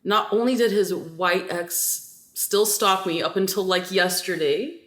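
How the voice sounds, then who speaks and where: A woman's voice: mid-range voice, unhurried. Chatty woman podcaster in a roomy space. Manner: chatty, animated storytelling with many "like" fillers. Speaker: podcast co-host. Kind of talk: casual chat. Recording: roomy echo.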